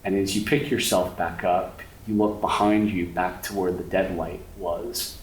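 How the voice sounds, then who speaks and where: A man game-mastering a tabletop horror game, talking very slowly and deliberately. His voice is fairly low. He sounds distant from the mic, in an echoey room with faint noise. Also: flat delivery. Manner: slow, descriptive, addresses players directly.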